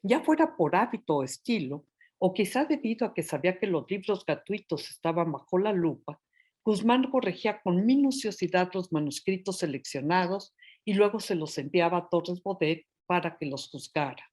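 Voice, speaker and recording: A woman reading a prepared history lecture aloud, careful and measured, slowing down to sound out Nahuatl place names. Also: lowish voice, lively intonation, a little mellow, husky. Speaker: historian presenting her book.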